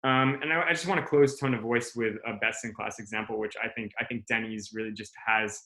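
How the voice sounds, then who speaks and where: A man's voice: lowish voice, brisk. A man in his thirties giving a casual class talk, loose and profane, full of fillers and restarts. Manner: relaxed, swearing, many fillers and restarts. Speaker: strategy director presenting a class. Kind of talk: casual presentation over video call.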